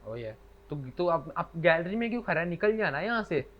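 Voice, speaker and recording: With big pitch swings and a fairly high voice, this man speaks at a moderate pace. He co-hosts a podcast remotely, trading casual talk and reciting couplets. The internet call sounds dull and lo-fi, with faint noise.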